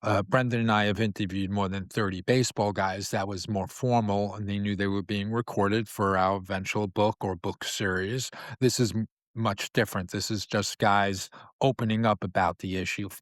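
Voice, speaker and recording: A man's voice: on the low side, fairly even intonation, moderate pace, no room sound, studio quality. A man from New York City hosting his own talk show, speaking in a loose, rambling monologue full of fillers and restarts. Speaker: podcast host. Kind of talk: casual monologue.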